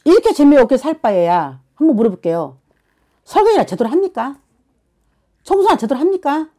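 Woman fortune teller, blunt and scolding, lively high voice, pushes with repeated questions. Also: a little fast. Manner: forceful, scolding, keeps prodding with "어?". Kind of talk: blunt counseling session.

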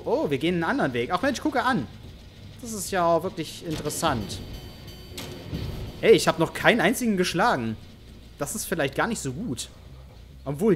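A man's voice: on the high side, a little hiss or hum. A man giving playful, teasing let's-play commentary over a horror game, mock-taunting the characters he hunts. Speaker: gaming YouTuber.

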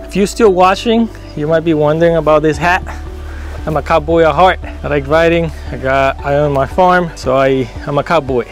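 Up on a residential rooftop, an upbeat roofing company owner films an energetic, informal on-site vlog walkthrough, demonstrating with tools. He wears a lapel mic, and his slightly high voice moves at a moderate pace. Faint music plays behind him in a rough recording.

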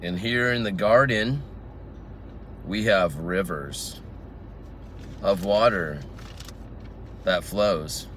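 A man's voice: low voice, extremely slow, long pauses, fairly bright tone, slight background noise. A man teaching the Bible informally outdoors in a garden, reading scripture aloud and explaining it verse by verse.

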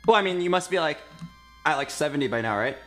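A man in his twenties streams from an indoor room, casually chatting and giving directions for a recording session. His voice is a little high, animated and quick, a bit bright, over soft background music.

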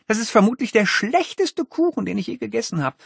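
A man's voice: high-pitched, very animated, brisk, creaky, breathy edge, no room sound, voice pushed up, full character voice. A man doing Holly, a bored sarcastic schoolgirl. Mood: scornful. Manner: dry, scornful, sighing.

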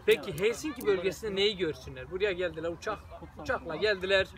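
A man hosting a casual street interview, eager and teasing, with quick interjections. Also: high-pitched, crowd noise. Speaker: video host, interviewer.

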